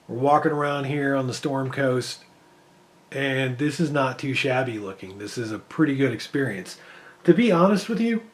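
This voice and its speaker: A man losing his voice, giving casual rambling commentary while he benchmarks PC games. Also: fairly high pitch. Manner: rambling, thinking aloud with fillers. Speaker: PC gaming benchmark creator.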